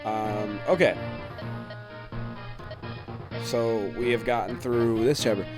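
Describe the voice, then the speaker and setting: Game music plays as a let's play host in his 20s offers casual, rambling commentary with many ums and uhs from home during quarantine. He speaks slowly in a steady, low-ish voice through a webcam setup.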